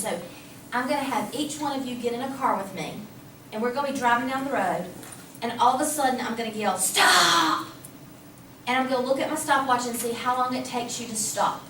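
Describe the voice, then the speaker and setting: A woman math teacher giving a lively classroom lecture, talking casually and asking the class questions. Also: fairly high pitch. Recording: echoey classroom from a distance, faint hum.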